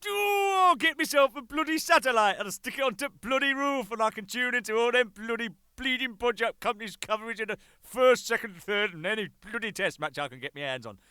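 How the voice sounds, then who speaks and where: A man voicing a homesick, grumbling middle-aged Englishman, whining in drawn-out oh's. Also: very high voice, animated, pushed and bright, smooth, dry recording, voice pushed up, exaggerated voice. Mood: moaning. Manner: whiny moaning with drawn-out oh's.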